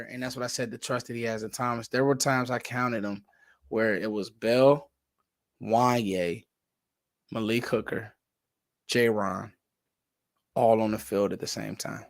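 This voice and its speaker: A man hosting his own show, giving casual, animated football analysis that sometimes drops to a whisper. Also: mid-range voice, no echo, clean studio sound. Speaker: sports podcast host.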